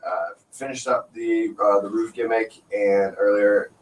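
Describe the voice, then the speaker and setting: A man's voice: lowish voice, level tone, unhurried. A man co-hosting an internet radio show in casual chat, rambling and joking with many restarts, recorded at a desk mic in a small studio. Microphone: desk radio microphone. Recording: roomy, distant from the mic.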